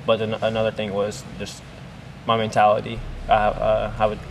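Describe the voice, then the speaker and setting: Low, flat-voiced teen basketball player. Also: male voice, normal speed, vocal fry, slight background noise. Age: late teens. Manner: hesitant, lots of uh fillers. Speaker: high school point guard. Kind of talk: interview answers.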